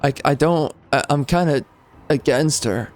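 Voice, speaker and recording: A man streaming a video game with casual, slangy commentary and halting asides. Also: fairly high pitch.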